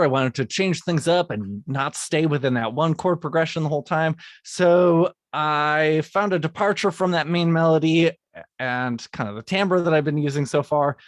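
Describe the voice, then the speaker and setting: The higher-pitched man continues describing how his theme piece came together, half reading and repeatedly correcting or restarting his lines. The studio recording is clean, with no room sound.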